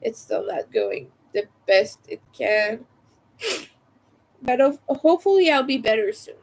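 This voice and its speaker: A woman hosts a casual, rambling livestream chat, her voice congested and nasal from a cold and allergies, as if her nose were pinched. She sounds a little high, with lively intonation and a slightly slow pace, and the audio quality is poor.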